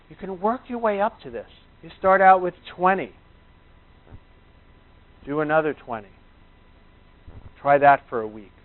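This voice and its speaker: Speaking at a fairly high pitch, a man gives informal breathing instruction to a class. He's reassuring and conversational, often adding "you know" and "right," and the recording sounds thin and phone-like.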